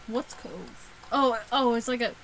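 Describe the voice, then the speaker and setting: A woman with a fairly high, slightly bright voice reads a visual novel aloud at an unhurried pace for her let's play channel, giggly, sweary, and stumbling over the text. The rough recording carries a little hiss or hum, with music playing behind her.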